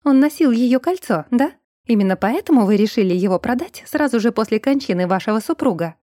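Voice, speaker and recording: A woman's voice: a little high, lively intonation, fairly quick, warm tone, dry recording, clean studio sound. A woman reading the part of a bold young woman writer who speaks bluntly and matter-of-factly.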